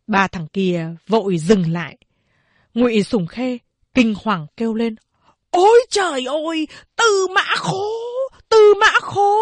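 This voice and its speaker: A woman reading a novel aloud as audiobook narrator, slow and deliberate. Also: mid-range voice, a little mellow, no echo.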